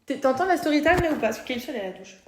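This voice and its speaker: An excitable young woman in her twenties talks animatedly to her phone camera, voice sitting a bit high. Steady noise runs behind her, like busy street sounds recorded on a phone. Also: racing. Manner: excitable, dramatic, switches to hushed whispering. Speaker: travel vlogger. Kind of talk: casual vlog chat. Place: outdoors on streets and indoors in an apartment.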